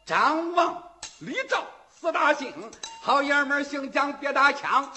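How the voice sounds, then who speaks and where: Brief: a male storyteller doing a loud, defiant young warrior, high and ringing. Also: a little hiss or hum. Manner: booming challenge in rhymed verse. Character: brash towering young hero, loud and defiant.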